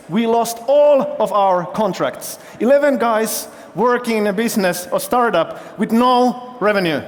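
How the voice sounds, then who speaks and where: Male CEO, fairly high voice, keynote storytelling with audience questions, long hall echo. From Finland. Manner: engaging, quizzes the audience with show-of-hands questions. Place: large festival hall stage.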